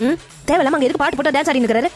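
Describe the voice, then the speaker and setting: A fed-up young adult daughter in a cartoon family drama complains quickly in a high voice, as a woman plays her. She sounds exasperated, with soft music in the background. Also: close to an everyday voice.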